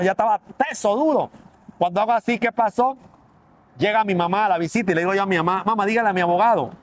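A man's voice: high-pitched, slight background noise. A man giving a dramatic personal testimony, acting out the voices in his story with animation.

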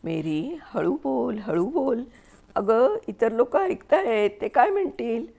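A woman voicing a calm, patient husband who speaks softly and low. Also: slow, vocal fry, exaggerated voice. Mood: hushing. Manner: soft and hushed.

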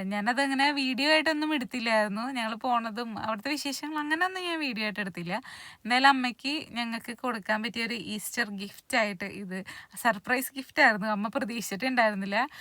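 A woman's voice: a little high, sharp tone, no room sound. Chatty homey woman vlogger. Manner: chatty, homely, with many drawn-out fillers. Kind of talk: casual vlog narration. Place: home, kitchen and yard.

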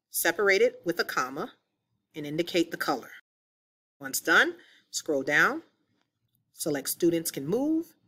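With a deep voice, a woman teacher talks over her screen recording, giving clear step-by-step directions for a software tutorial.

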